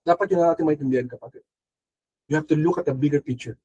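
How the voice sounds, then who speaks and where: High-pitched Filipino preacher, lively delivery. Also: male voice, fast, slightly rough, lo-fi sound. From Philippines. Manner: switches between Tagalog and English, acts out quoted voices. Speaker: pastor. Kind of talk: sermon.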